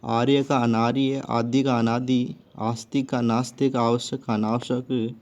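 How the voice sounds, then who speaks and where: Male teacher, unhurried and methodical, listing word pairs, dull lo-fi sound. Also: mid-range voice, flat delivery, darkish tone. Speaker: Hindi teacher. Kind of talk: spoken grammar lesson. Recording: dull lo-fi recording.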